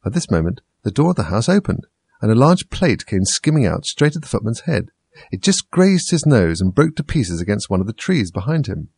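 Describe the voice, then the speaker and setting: A man reads a children's story aloud in a low, gravelly voice with a husky edge. His intonation rises and falls with lively movement. The sound is close and dry. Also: a little fast, no room sound. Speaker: narrator. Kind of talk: audiobook story reading.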